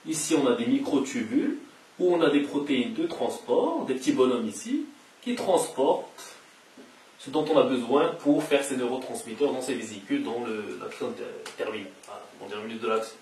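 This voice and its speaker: A man's voice: medium pitch, a little fast, darkish tone. A man giving a casual science lecture, explaining step by step and repeating the key terms. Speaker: science educator. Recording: roomy echo, distant mic, faint hiss.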